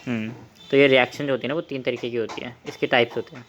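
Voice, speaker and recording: A young man teaches a chemistry lesson, pausing to write and often asking his students questions. He repeats the key terms over a light background hiss. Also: mid-range voice, fairly even intonation, fairly bright tone, muffled recording. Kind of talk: chemistry lesson while writing on a board.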